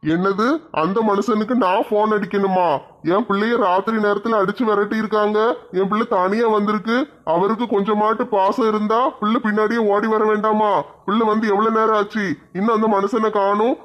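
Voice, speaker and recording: A man's voice: sits high, level tone, fairly quick, highs cut off, lightly acted. A man playing a doting village father in a comic skit, indignant and protective, with a Tirunelveli Tamil accent.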